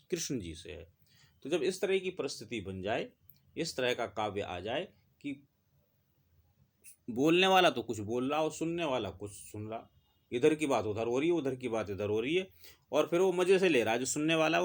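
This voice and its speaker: A male teacher explaining a lesson in a conversational way, acting out quoted lines in quick voices. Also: medium pitch. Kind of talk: exam-prep lesson.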